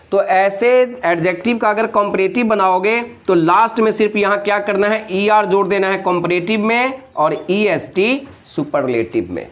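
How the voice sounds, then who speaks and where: A male teacher giving a classroom grammar lecture, constantly quizzing his students with call-and-response questions. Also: sits high.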